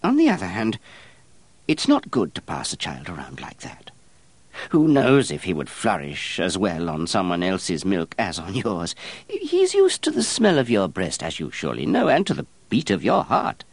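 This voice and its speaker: A man's voice: low voice, huge pitch swings, moderate pace, vocal fry, slightly rough, no echo, full character voice. A man voicing an easygoing, fussy middle-aged monk who complains in a peevish, rising voice. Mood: fretful. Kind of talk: audiobook character voice.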